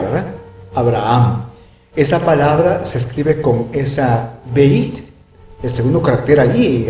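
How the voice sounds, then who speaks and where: A Bible lesson comes from a middle-aged man with a slightly high, dark voice, captured at a distance. Emphatic, he keeps punctuating his explanations with "¿verdad?". The setting is an echoey room with the blinds closed, his voice off-mic.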